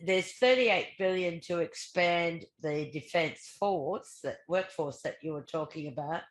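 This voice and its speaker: An Australian woman talks through budget numbers in a relaxed, chatty way, reading out figures as she goes. Her voice sits low. The room around her rings with noticeable echo. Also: measured pace. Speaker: co-host. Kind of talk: casual discussion of the federal budget. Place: regional home.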